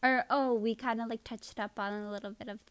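A young woman co-hosting a podcast in casual chat, hesitant and quick to laugh. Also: fairly high pitch, steady tone, fairly bright tone, clear, resonant tone. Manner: giggly, hesitant, laughs easily. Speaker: podcast co-host.

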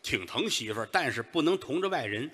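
A man leads a stage crosstalk routine, spinning his tale at a fast clip. His voice is bright and lively, and he swoops through a wide pitch range as he teases his partner. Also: slightly rough. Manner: quick, animated storytelling with playful teasing. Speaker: lead comedian in a crosstalk duo.

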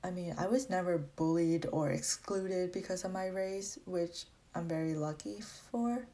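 A young adult woman, born in Vietnam and raised in Massachusetts, reflects on her personal story as a college student. She has an American accent and a warm, fairly low voice at a measured pace.

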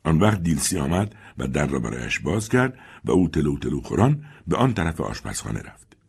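A man narrating a literary novel as an audiobook, measured and expressive. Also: extremely low pitch, vocal fry, husky.

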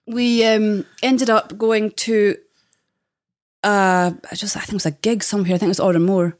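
A woman's voice: medium pitch, level tone, normal speed, no echo, studio quality. A young woman, a podcast guest, chatting candidly and telling dating stories with plenty of laughter. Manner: candid, chatty storyteller who laughs often.

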